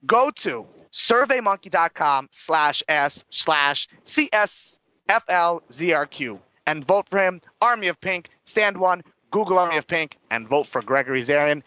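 A male talk host speaks in a high, very animated voice. He is chatty and emphatic, dishing gossip in folksy slang with a bright edge. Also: measured pace, no room sound, highs cut off. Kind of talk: casual radio entertainment chat.

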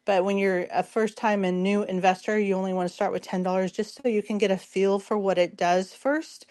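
A woman with a hoarse, strained voice hosts a casual market commentary, explaining things informally and speaking straight to her listeners. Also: mid-range voice, steady tone, fairly quick, darkish tone. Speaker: show host.

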